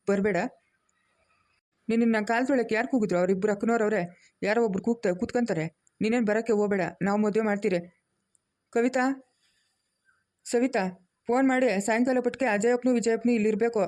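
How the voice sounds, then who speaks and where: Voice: mid-range voice, a little mellow, close to an everyday voice. A performer voicing a stern elderly grandfather in a cartoon family drama, scolding and commanding.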